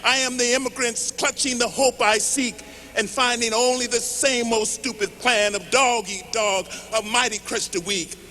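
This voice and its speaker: A man reciting poetry as an impassioned rally speech, declaiming in measured phrases. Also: extremely high pitch, steady tone, bright, forceful tone, faint music behind. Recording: noisy large hall with long reverb.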